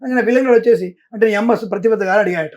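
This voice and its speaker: A man's voice: high voice, racing, darkish tone, highs cut off. A middle-aged man speaking as a Vedic astrologer in an interview. He talks emphatically and insistently, stresses himself again and again, and slips English phrases in among his sentences. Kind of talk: interview answers.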